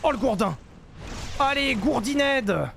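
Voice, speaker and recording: A man commentating his own video game live, joking, swearing and talking to his chat in an excitable way. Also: extremely high pitch, unhurried, vocal fry, soft background music. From France. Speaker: streamer playing a video game.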